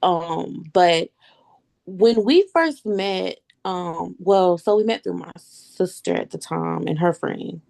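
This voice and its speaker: A woman's voice: on the low side, animated, slow, gravelly, a little mellow. A woman in her thirties, a guest on a video-call interview, chatting casually, laughing often and calling the listener honey.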